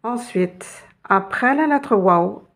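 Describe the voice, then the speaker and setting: A woman's voice: medium pitch, animated, slow. A woman teaching a lesson, patiently guiding learners step by step and spelling out letters. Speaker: Arabic teacher.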